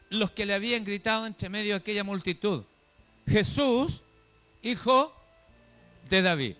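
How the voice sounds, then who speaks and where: A man's voice: sits high, pushed and bright, smooth. A male pastor giving a fervent sermon to a congregation, calling them brother and throwing out rhetorical questions. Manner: fervent preaching, calls listeners "hermano", rhetorical questions. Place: church service, filmed for a web show.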